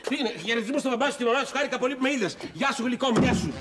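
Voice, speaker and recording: An actor playing a flustered, scheming father and radio host in a sitcom, talking in an animated, theatrical way. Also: extremely high pitch, loud music behind the voice. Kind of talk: sitcom acting.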